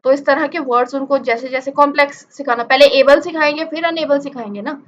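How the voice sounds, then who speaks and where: A woman teaching a lesson like a classroom lecture, explaining step by step with frequent tag questions and reading definitions slowly. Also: sits high, highs cut off. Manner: reads definitions slowly and deliberately. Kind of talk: classroom-style lecture mixing Hindi and English.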